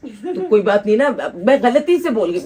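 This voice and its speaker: A woman's voice: on the high side, very animated, normal speed, dark tone. A woman hosting a children's shelter gathering, coaxing and teasing the kids and leading applause. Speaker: host of a children's shelter event. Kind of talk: casual talk with children before a gathering.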